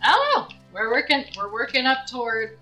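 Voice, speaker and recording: A woman's voice: a little high, very animated, moderate pace, sharp tone, soft background music. A woman streaming a game, chatting casually with her viewers and thinking aloud. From United States. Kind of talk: casual live-stream commentary while gaming.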